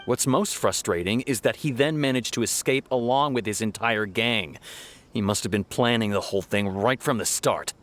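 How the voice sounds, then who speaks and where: A man's voice: lowish voice, a bit bright, lightly acted. A man voicing a formal, firm city official in a video game. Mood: stern. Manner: formal, measured.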